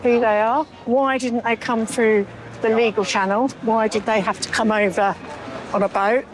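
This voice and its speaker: A woman's voice: fairly high pitch, steady tone, moderate pace, crowd noise, poor audio. Anxious woman resident in a street interview. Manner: anxious, earnest. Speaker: local resident at a march.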